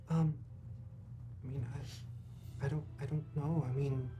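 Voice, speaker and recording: A game master improvising narration for a tabletop role-playing game, haltingly and thinking aloud. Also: medium pitch, steady tone, mellow, faint music behind.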